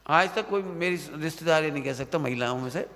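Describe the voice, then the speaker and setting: A Jain preacher gives a stern, admonishing Hindi religious discourse to students at night in the hall of a Jain study centre, often asking whether they've understood. His voice is a little high, slightly fast and a bit bright, with long hall reverb.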